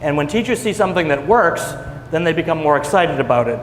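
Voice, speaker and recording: An education program leader speaks bluntly and emphatically about a teaching program during a panel discussion in a conference hall. His voice is on the high side, expressive and quick, and the recording picks up the hall's echo with faint noise.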